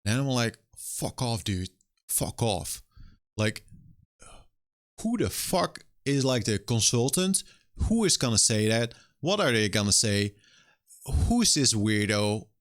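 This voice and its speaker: Young male streamer, mid-pitch voice, venting with profane, exasperated energy. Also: sing-song, a little slow. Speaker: streamer and game developer. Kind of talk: casual livestream rant.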